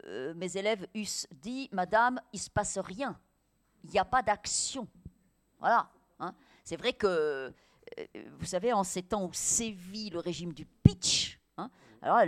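Woman writer on radio, lowish voice, lots of euh and voilà, hesitant but emphatic. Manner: hesitant, many fillers, lively emphasis. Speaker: writer and guest. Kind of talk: radio interview conversation.

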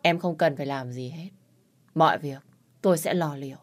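A woman voicing a hot-tempered young man who shouts back defiantly and curses. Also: sits low, moderate pace. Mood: soothing.

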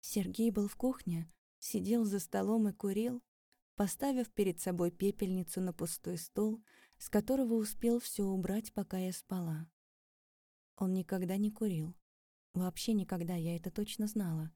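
A woman reading a first-person audiobook in an emotional, expressive way. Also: medium pitch, normal speed, dry recording. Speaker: audiobook narrator.

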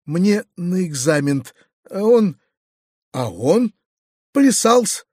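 A sorrowful old manservant, as a male reader acts him out, complaining in a thin, whining, plaintive voice pushed well up high. The sound is dry and close. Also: big pitch swings, very slow, a little mellow, no room sound, exaggerated voice. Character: mournful old male servant. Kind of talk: audiobook character voice.

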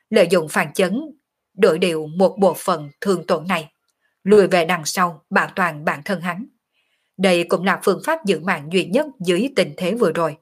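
A woman narrating a martial arts novel as an audiobook in a steady, dramatic storytelling manner. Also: lowish voice, slightly rough.

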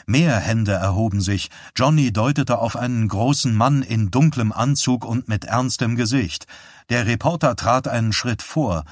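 A man narrating an audiobook in a measured storytelling manner. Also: fairly low pitch, dry recording, clean studio sound. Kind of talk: scripted narration.

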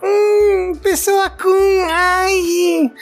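A woman mimicking a cutesy girl who acts like an anime character, cooing in an affected, drawn-out way. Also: very high voice, steady tone, voice pushed up, heavily acted. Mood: gushing cutesy.

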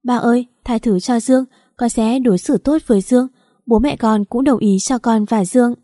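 A woman voicing a gentle, doting young husband who speaks softly and affectionately in an audio story. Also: fairly high pitch, normal speed, no room sound, studio quality, natural voice. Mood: tender. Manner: soft and affectionate.

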